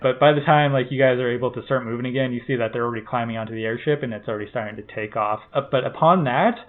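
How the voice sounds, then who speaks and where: A man's voice: mid-range voice, rapid-fire. Man narrating a tabletop game over a phone-like line. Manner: loose narration full of fillers. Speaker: game master. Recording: tinny phone-like call audio.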